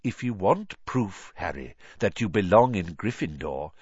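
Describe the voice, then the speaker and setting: A man voicing a calm, kindly old male wizard headmaster who speaks in a measured, gentle way. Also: low voice, breathy edge, no room sound, dull audio, exaggerated voice.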